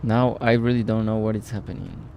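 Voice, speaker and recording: A man live-streams a city-building game, commenting in English as a non-native speaker, thinking aloud with puzzled exclamations and greeting viewers in chat. His lowish voice is gravelly and darkish, brisk with fairly even intonation, over slight background noise.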